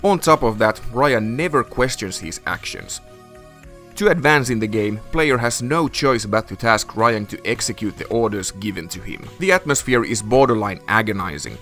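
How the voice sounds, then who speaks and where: A man narrating a scripted retro game review in a measured, formal, essay-like way. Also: on the low side, a bit bright.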